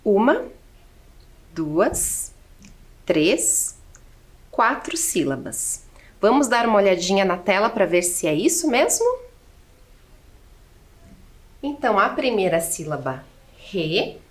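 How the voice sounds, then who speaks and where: A woman with a Brazilian Portuguese accent teaches a children's lesson at a slow, unhurried pace. Her pitch rises and falls in a lively, animated way as she counts aloud step by step. She keeps asking gentle rhetorical questions.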